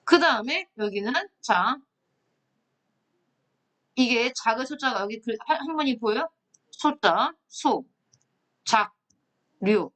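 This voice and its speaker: Lively woman teaching history. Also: fairly high pitch, slow pace, long pauses. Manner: lively, asks students questions, reads captions aloud. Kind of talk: online lecture.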